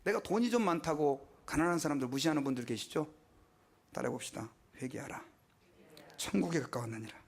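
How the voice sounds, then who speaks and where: Brief: middle-aged man, pastor in a church, chatty preaching style, slightly raised pitch. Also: lively intonation, brisk, vocal fry, breathy edge. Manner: conversational preaching with rhetorical questions and mock quotes. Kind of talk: sermon.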